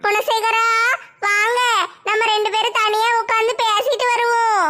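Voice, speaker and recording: A woman voicing a lovesick, clingy female ghost who wails slowly and tearfully. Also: very high voice, level tone, pushed and bright. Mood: tearful longing. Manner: slow, tearful, drawn-out wailing.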